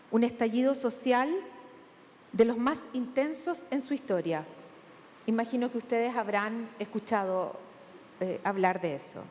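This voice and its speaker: Chilean woman giving a talk in a big hall, calm and measured, pauses to think, reverby sound. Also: on the high side. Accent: Chilean Spanish. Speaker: conference speaker. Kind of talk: academic conference talk. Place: large conference hall. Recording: long hall reverb, faint room noise.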